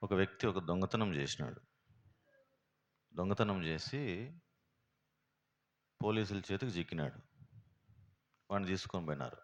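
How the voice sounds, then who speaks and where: A man's voice: low-pitched, animated, unhurried, pauses often. A man preaching a sermon, telling stories and acting out bits of dialogue.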